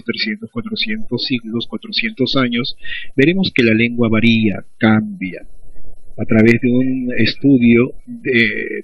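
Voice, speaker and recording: A man's voice: medium pitch, slight background noise. A man with a Peruvian accent, a school teacher giving a recorded class lecture, who explains by asking and answering his own questions. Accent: Peruvian Spanish. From Peru. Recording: dull lo-fi recording.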